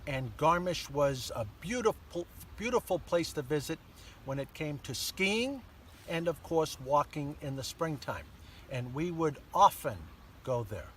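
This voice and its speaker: An older man, an interview guest, calmly recounting his childhood in a casual outdoor chat with measured pauses. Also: a little high. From born in Germany to American parents. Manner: measured storytelling with many pauses and fillers. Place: outdoors in a sunny park by a pond. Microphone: camera mic at a distance. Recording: distant outdoor mic, faint background noise.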